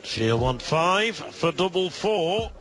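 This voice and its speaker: A man giving live darts commentary, measured and analytical, with considered pauses. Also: high voice, sing-song. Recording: busy crowd behind commentary. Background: darts crowd.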